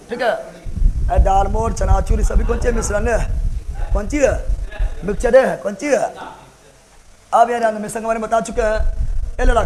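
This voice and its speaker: A man's voice: extremely high pitch, a little hiss or hum. A man teaching a chemistry class, repeating key words and quizzing students in colloquial Hindi with joking asides. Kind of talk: classroom lecture with call-and-response questions. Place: classroom, also streamed online.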